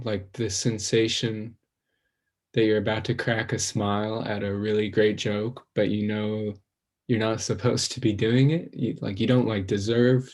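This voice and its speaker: An actor playing an anxious, self-conscious young man who rambles, stalls and trails off into quiet self-doubt in a stage play. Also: lowish voice, creaky.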